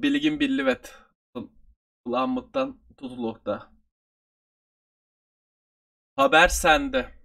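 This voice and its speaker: A man with a Turkish accent, from Turkey, teaching an online review lesson and repeating phrases slowly for his learners. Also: medium pitch, creaky, a bit bright.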